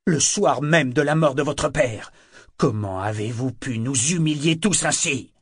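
A man's voice: mid-range voice, animated, measured pace, slightly rough, no room sound, studio quality. A man doing a growling, furious sea captain. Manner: growling, accusing.

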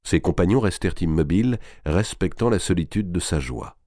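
A man reading a historical novel aloud as audiobook narration, measured and expressive. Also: low-pitched, no room sound, clean studio sound.

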